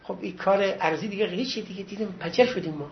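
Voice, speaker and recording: A middle-aged man, a seminary teacher, lecturing a class in a conversational, reminiscing way and giving encouragement. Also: sits high. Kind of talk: lecture with personal anecdotes. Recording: dull lo-fi recording with faint hiss.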